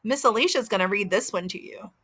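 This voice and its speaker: A woman's voice: medium pitch, fast talker, sharp tone. A woman with a Southern US accent reading aloud as if to a toddler, in a sing-song teacher's manner with simple questions. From American South. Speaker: early childhood teacher and story reader. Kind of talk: reading aloud to young children with commentary. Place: outdoors by a house.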